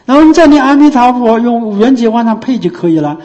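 Dharma-talk teacher, mid pitch, explains patiently with rhetorical questions, recorded with long hall reverb. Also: animated, fast, darkish tone, dull audio. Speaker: Buddhist teacher.

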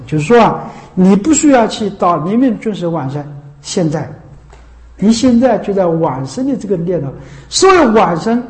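A Buddhist monastic with a medium-pitched, somewhat dark voice gives a dharma talk to a seated audience in an echoey room. The talk repeats rhetorical questions, with occasional laughter and chanting of the Buddha's name.

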